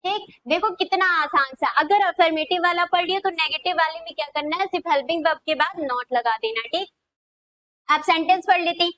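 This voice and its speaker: Woman, high-pitched, grammar teacher, question-and-answer style, slow dictation. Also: pushed and bright, a little hiss or hum, low-quality recording. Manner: repeats questions back to students, drawn-out dictation. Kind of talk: classroom video lesson.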